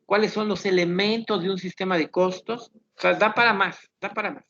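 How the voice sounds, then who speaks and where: A man teaches an online class, working through student questions one by one. His voice sits high and carries a gravelly edge. He thinks aloud in a measured, explanatory way, and the audio sounds dull and lo-fi. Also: steady tone, sharp tone.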